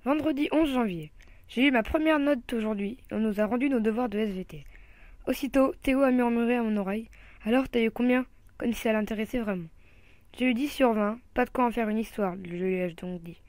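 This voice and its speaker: A woman reading a comic children's novel aloud in the first person, with lively storytelling. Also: fairly high pitch, brisk, dry recording.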